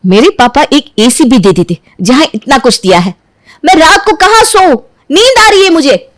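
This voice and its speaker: A woman voicing a spoiled, rude young bride who complains sarcastically in an animated family drama. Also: high-pitched, moderate pace, no room sound, voice pushed up. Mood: indignant.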